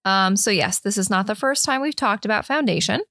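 A woman's voice: mid-range voice, a little fast, pushed and bright, dry recording, clean studio sound. A woman hosting a podcast in an informal, self-deprecating way, moving between chat and reading from notes. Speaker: podcast host. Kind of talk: casual podcast talk about beer, partly read from notes.

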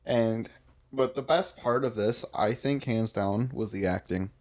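A man co-hosting a casual film review chat, relaxed and often searching for words. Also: on the low side, measured pace. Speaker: podcast co-host.

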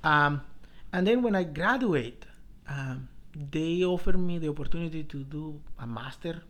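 A middle-aged man from Colombia, a professor telling his life story in an interview, halting with many restarts. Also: a little high, a bit bright. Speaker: professor, guest.

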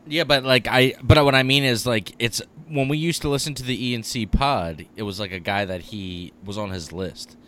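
A man's voice: medium pitch, moderate pace, hardly any pauses, a little hiss or hum. A man co-hosting a podcast, talking casually with lots of fillers and emphasis. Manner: animated, filler-heavy, emphatic. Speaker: podcast co-host. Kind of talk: casual chat.

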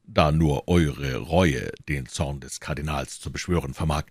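A man's voice: a bass voice, measured pace, a little mellow, slightly rough, dry recording, studio quality, pitched below the performer's own voice, full character voice. A man reading an audiobook, voicing a stern, indifferent police commissioner who questions a prisoner. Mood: cold, stern. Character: cold, suspicious male police commissioner, middle-aged.

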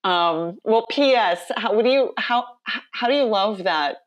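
A woman's voice: medium pitch, normal speed, muffled recording. A woman, an author and drag performer, telling stories as a guest in a casual podcast interview, laughing often. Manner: animated storyteller, laughs often.

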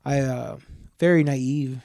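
A young man co-hosting a podcast, telling stories in a loose, profane, animated way with plenty of fillers. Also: medium pitch, slow pace, gravelly, no echo, clean studio sound. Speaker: podcast co-host. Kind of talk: casual storytelling chat.

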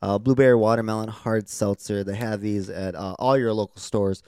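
A man's voice: fairly low pitch, fairly even intonation, normal speed, dark tone, smooth, no room sound, studio quality. A tipsy man hosting a podcast in natural, unscripted casual talk, with profane, bantering delivery. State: tipsy from drinking. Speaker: podcast host.

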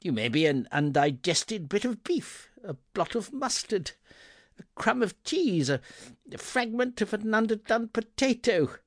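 A man's voice: big pitch swings, a little slow, no echo, clean studio sound. A man putting on a quavering, terrified old miser. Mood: scoffing. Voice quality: high, quavering, pleading.

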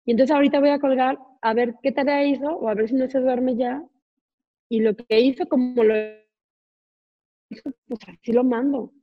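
A woman's voice: high voice, fairly even intonation, normal speed, dull audio. A woman in her forties with a Mexican accent, a guest telling personal stories in a candid, chatty interview full of fillers and asides over a video call. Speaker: guest entrepreneur.

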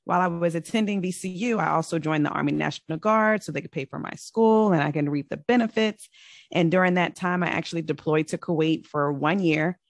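A woman from Virginia in the United States, a real estate investor appearing as a podcast guest, tells her story in an upbeat, chatty way during a casual interview. Her voice sits low, and the recording is dry with clean studio sound.

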